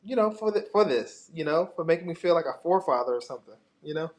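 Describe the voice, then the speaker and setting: A man chatting casually on a panel, halting and slangy, repeating phrases, his speech slightly impeded by a swollen mouth. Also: a little high, animated. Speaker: panelist, wrestling stylist. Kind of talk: casual chat on a livestream panel. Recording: clearly noisy livestream line with clicks.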